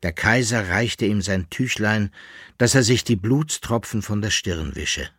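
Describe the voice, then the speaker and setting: Slow, low-voiced male narrator. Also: lively intonation, a bit bright, slightly rough, no echo, clean studio sound. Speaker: audiobook reader. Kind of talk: literary narration.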